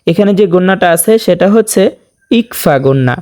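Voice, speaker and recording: A man teaching a tajweed lesson, explaining each rule step by step and chanting the verses very slowly. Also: high voice, expressive, darkish tone. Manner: checks in with "okay?". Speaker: Quran recitation teacher. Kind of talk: tajweed lesson with slow recitation.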